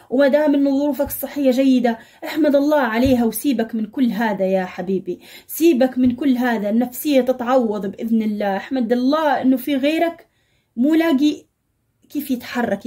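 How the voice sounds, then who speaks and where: Woman, tarot reader, fortune-reading monologue, blunt and scolding, husky, mellow, fairly high. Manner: direct, scolding, preachy advice.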